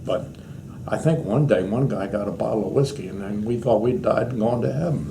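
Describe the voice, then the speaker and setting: Elderly American male war veteran, lowish voice, reminiscing anecdotally for an oral history; clearly noisy room recording. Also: a little fast. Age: 80s. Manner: old veteran remembering, rambling and anecdotal. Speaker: war veteran being interviewed.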